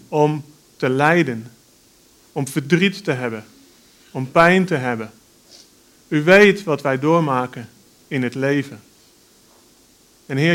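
Earnest man reading scripture. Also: fairly high pitch. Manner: measured, earnest reading with pauses. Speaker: preacher.

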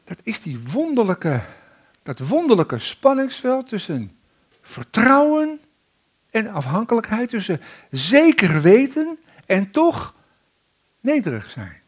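Male preacher, somewhat high voice, very lively pitch, reads scripture slowly for weight. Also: husky. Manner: expressive preaching, reading psalms aloud with slow emphasis. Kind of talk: sermon.

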